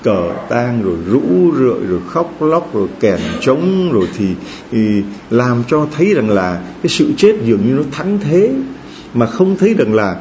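A male priest delivers a sermon with a very lively, swooping pitch, rising high for emphasis and dropping low and soft. He throws rhetorical questions at his listeners. The recording is slightly dull, with a faint hiss behind it. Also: normal speed. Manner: animated preaching with rhetorical questions and acted-out quotes.

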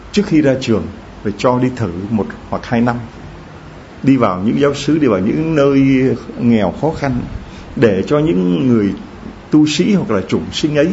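A middle-aged man gives a lively church sermon, telling stories and asking the congregation questions directly. His voice is mid-range in pitch for a man. The recording is dull and low-fidelity, with a faint hum of ambience.

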